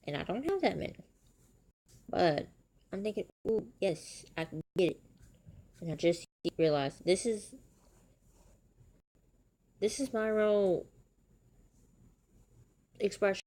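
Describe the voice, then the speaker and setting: A woman's voice: medium pitch, expressive, slow, long pauses, dark tone. A woman chatting casually as she plays a mobile game on her stream, talking in a chatty way and breaking into surprised exclamations.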